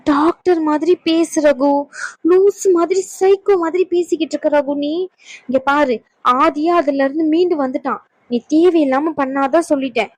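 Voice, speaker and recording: A woman's voice: sits high, normal speed, no echo, natural voice, rough recording. A woman voicing a worried, reproachful young woman in a cartoon who lectures and scolds her friend. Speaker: voice actor. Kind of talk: cartoon dub acting.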